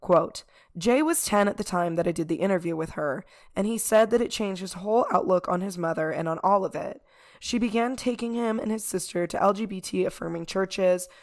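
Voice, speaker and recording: A woman co-hosting a podcast in casual chat, speaking informally with a hoarse voice. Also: mid-range voice. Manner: informal, peppers talk with "like" and "y'all". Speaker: podcast co-host.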